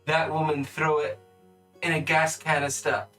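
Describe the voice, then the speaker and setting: A man's voice: on the high side, level tone, a little slow, sharp tone, recorded from a distance, faint music behind. A man voicing the ghostly, unearthly talking skull of a dead bandit in a tabletop game, blunt and grim. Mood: accusing. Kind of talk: tabletop role-play.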